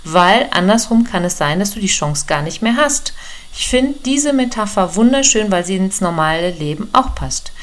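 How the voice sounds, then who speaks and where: A woman's voice: medium pitch, lively intonation, normal speed. A woman giving a personal, direct self-help talk that speaks to the listener as a friend. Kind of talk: casual coaching monologue. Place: room indoors with a door.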